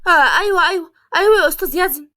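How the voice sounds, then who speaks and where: A jumpy young secretary answers in quick, startled bursts in a storybook tale, as a woman puts her on. Her voice runs high, close and dry. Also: dry recording, natural voice. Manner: jumpy, flustered. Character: flustered young female secretary.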